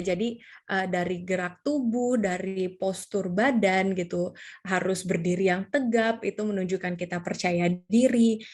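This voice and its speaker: A woman's voice: medium pitch, darkish tone. A woman teaching public speaking over slides, in a casual, chatty way with many fillers. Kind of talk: slide presentation lesson.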